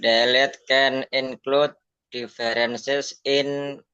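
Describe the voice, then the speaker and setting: A man with an Indonesian accent, a student reading out an English definition in class, halting word by word. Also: mid-range voice, flat delivery, sharp tone, smooth, no room sound, highs cut off.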